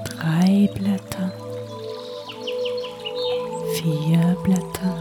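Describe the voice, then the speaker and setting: A woman narrating a sleep story softly and soothingly, unhurried, with long pauses between phrases. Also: lowish voice. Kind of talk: slow, hushed sleep story narration with guided relaxation.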